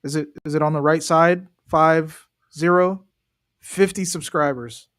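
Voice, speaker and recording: A man's voice: on the high side, steady tone, unhurried, fairly bright tone. A man hosting a live football watch-along, chatting casually and talking straight to his viewers. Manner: chatty, talks directly to viewers. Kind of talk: casual live match commentary.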